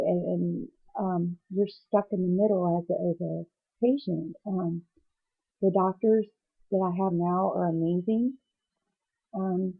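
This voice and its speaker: Woman, teary as after crying, slow halting delivery, flat intonation, confessional video diary, dull lo-fi sound. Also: medium pitch, gravelly, slightly rough. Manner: halting, hesitant, searching for words. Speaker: patient vlogger.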